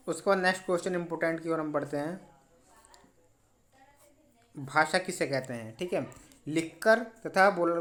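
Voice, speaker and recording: A man with a slightly raised pitch talks through exam questions in a quick, instructive way. He checks in often with short confirmations and keeps stressing which answers matter. It sounds like a study lesson for students. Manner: brisk, repeats "important" and "ठीक है". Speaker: teacher.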